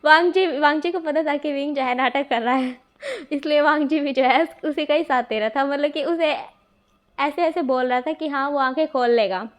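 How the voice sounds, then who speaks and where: Young woman reading out a fan story, high voice, chatty and rambly. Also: normal speed. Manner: chatty, repeats filler phrases. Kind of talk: casual fanfiction narration.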